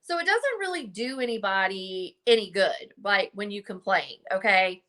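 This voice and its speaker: A woman's voice: mid-range voice, expressive, normal speed, fairly bright tone. A woman talking casually to her camera as a psychic wellness vlogger, rambling and chatty with lots of "like" and "right?". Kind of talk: casual unscripted monologue to camera. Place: indoors in front of a camera and ring light.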